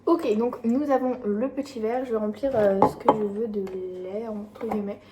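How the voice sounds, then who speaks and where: A woman's voice: a little high, steady tone, normal speed. A young woman vlogging casually at home in her kitchen, rambling with lots of fillers and poking fun at herself, recorded on a phone. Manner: rambling, filler-heavy, self-mocking. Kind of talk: casual vlog chat. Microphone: phone camera mic. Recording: echoey room, faint noise.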